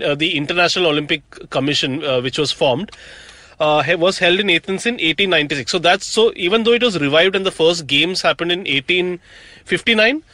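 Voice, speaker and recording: A young man from South India chats through history on a podcast, joking and filling gaps with "uh" as he goes. His voice sits a bit high for a man. The recording is dry and close, with no room sound. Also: sharp tone, no echo. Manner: chatty, jokey storyteller with frequent fillers. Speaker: podcast co-host. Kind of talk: casual chat.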